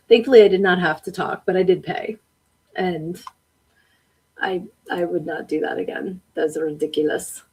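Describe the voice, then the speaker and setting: Her voice lowish, husky and a little mellow, a woman runs a casual live-stream podcast on a rough recording. She's chatty, reads out viewer comments and responds to the chat with frequent laughter.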